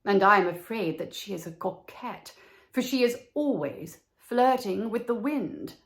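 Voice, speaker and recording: A woman's voice: mid-range voice, lively intonation, measured pace. A woman voicing a small, self-assured male swallow in a storybook, with a declarative, self-important manner. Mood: complaining. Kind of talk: storybook character voice.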